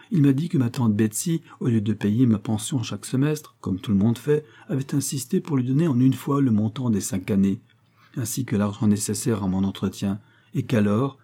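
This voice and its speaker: A man reading aloud voices a timid, polite, bookish young woman who speaks gently and pleads with her aunt. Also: mid-range voice, husky, natural voice.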